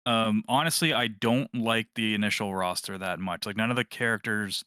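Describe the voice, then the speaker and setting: A man's voice: lowish voice, normal speed, sharp tone, clean tone, no echo, clean studio sound. A man co-hosting a casual gaming podcast, rambling and correcting himself as he talks. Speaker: podcast co-host.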